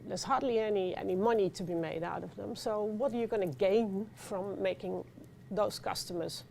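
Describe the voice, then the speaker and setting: A middle-aged Dutch woman with a Dutch accent speaking on a conference panel, animated, with many fillers and restarts. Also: medium pitch, vocal fry, slight background noise. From Netherlands. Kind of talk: panel discussion talk. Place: conference venue.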